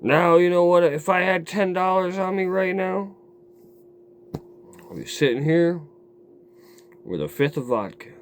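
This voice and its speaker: A man's voice: expressive, measured pace, pauses often, a little hiss or hum. Profane, raw-voiced man telling his story. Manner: profane, rambling, emotionally raw; swings from low and quiet to loud, heated outbursts. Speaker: vlogger. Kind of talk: confessional storytelling to camera. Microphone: camera mic.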